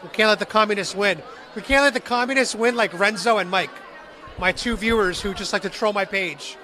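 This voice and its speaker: Young guy livestreaming with a handheld mic, bright high voice, crowd murmuring behind. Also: a little fast. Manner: upbeat, chatty, talks straight to viewers. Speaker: street interviewer and livestream host. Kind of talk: live event vlog with quick interviews. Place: large indoor public meeting hall. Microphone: handheld interview mic.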